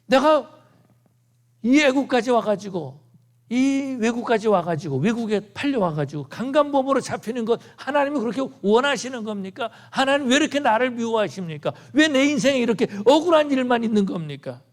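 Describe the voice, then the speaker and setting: Man acting out a wronged young man, anguished, pleading, high-pitched. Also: lively intonation, brisk.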